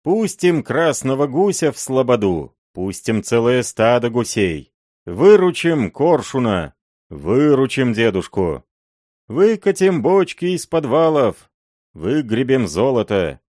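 A man voicing a drunken mob of robbers, shouting raucously in a raised voice. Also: medium pitch, huge pitch swings, measured pace, no room sound, studio quality, voice pushed up. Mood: rowdy shouting.

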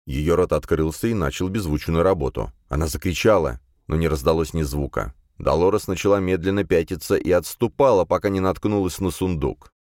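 A man reading a novel aloud as an audiobook narrator, in measured, expressive storytelling. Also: sits low, dry recording, studio quality. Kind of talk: scripted narration.

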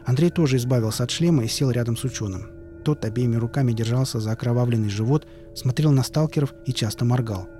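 A man narrating an audiobook in a steady, even storytelling voice. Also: medium pitch, fast. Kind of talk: scripted narration. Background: music.

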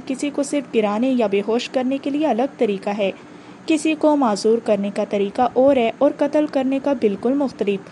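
A woman's voice: sits high, dark tone, slight background noise, close to an everyday voice. A woman reading the part of a blunt, tough male fellow prisoner, curt and commanding.

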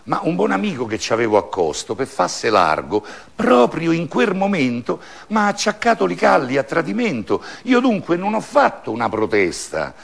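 A man's voice: on the high side, moderate pace, gravelly, hardly any pauses. A man reciting a satirical verse fable in a storytelling way. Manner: storytelling recitation with lively swings of tone. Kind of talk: recited dialect poem.

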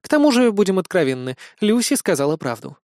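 A man's voice: high voice, big pitch swings, fast talker, darkish tone, no room sound, clean studio sound, pitched above the performer's own voice. A man voicing a playful, confident young empress who teases affectionately. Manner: teasing, affectionate.

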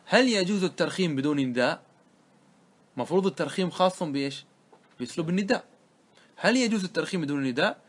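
Teaching grammar, this man walks through a classical poem line by line, slowing his delivery to quote the verses. He asks his audience questions, then supplies the answers himself, in a slightly high, somewhat bright voice.

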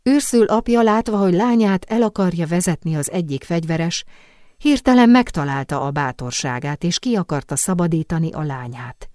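A woman narrating an audiobook in a dramatic, expressive storytelling manner. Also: fairly low pitch, no echo, clean studio sound. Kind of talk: scripted narration.

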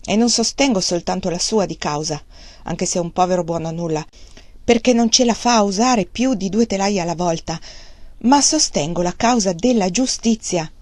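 A woman's voice: medium pitch, normal speed, darkish tone, no echo, lightly acted. A woman reading the part of a blunt, angry middle-aged male mill worker, defiant and scornful.

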